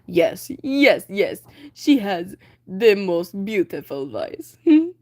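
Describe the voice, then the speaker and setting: Sebastian the crab composer, a fussy little male fellow, fawns over his king in a loud, bouncing voice that rises and falls a lot, as a woman puts him on while retelling a cartoon. He sounds proud of his concert and a touch bossy. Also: medium pitch, slow pace, no echo, clean studio sound. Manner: eager, flattering, proud.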